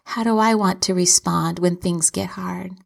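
A woman giving a calm, reflective motivational talk, often dropping into soft whispers. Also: fairly low pitch, a little slow, creaky. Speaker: self-help speaker.

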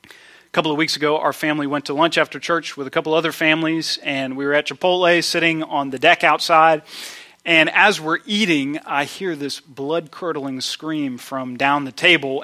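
A man in his thirties preaching a sermon as pastor, earnest, with lively storytelling. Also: fairly high pitch, moderate pace.

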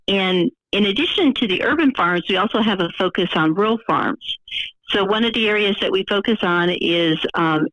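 A woman being interviewed over the phone as a program leader, speaking in a measured way with many pauses and fillers. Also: fairly low pitch, fairly bright tone, no echo. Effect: heard over the phone. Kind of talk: interview answers. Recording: dry phone line.

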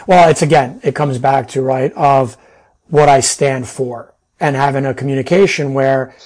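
Husky-voiced male podcast host. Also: medium pitch, steady tone, moderate pace, a little mellow. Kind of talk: casual interview chat.

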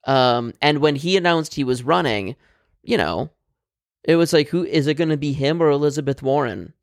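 A man's voice: a little high, moderate pace, creaky, dry recording, studio quality. A man co-hosting a casual political chat, blunt and opinionated, swearing freely and rambling with fillers and restarts.

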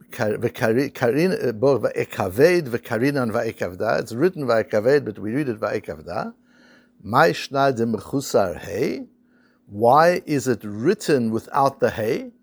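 Male Torah teacher, mid pitch with a gravelly edge, asks rhetorical questions. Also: no echo. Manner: explains slowly, reads Hebrew and Aramaic quotes then translates. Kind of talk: Talmud lesson.

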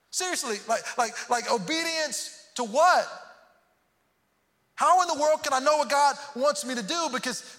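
This man's voice is extremely high and sharp as he delivers a sermon, a pastor from Houston, Texas. Earnest, he often repeats words when starting a thought, and his words ring out with long hall reverb.

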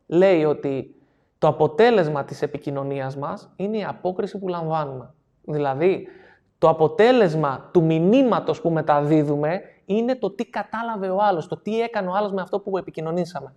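A man's voice: on the high side, darkish tone, dull audio. Male coach giving a seminar talk: explanatory, repeats key points, checks understanding. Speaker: NLP coach.

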